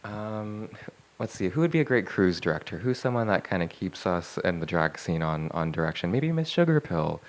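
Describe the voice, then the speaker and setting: Low-voiced chatty male podcast host. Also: animated, moderate pace. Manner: rambling, chatty, many fillers. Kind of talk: casual chat.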